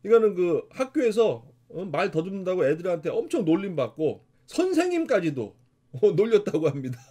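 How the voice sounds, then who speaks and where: A man from South Korea delivers a motivational lecture with lively, emphatic storytelling. His voice runs high and leaps around a lot. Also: moderate pace, breathy edge. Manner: animated, emphatic storytelling with laughs. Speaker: motivational speaker.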